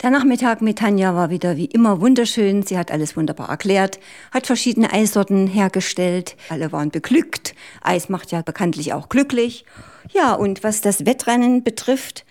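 A woman's voice: mid-range voice, expressive, normal speed, darkish tone. A woman hosting a radio program, asking friendly, curious questions and then giving a short spoken recap. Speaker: radio host. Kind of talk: radio interview and closing narration.

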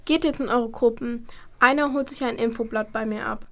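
A woman's voice: on the high side, fairly even intonation, moderate pace, close to an everyday voice. A woman playing a dutiful, polite schoolteacher in an amateur audio drama. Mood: instructing. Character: concerned, hesitant female schoolteacher, dutiful and polite.

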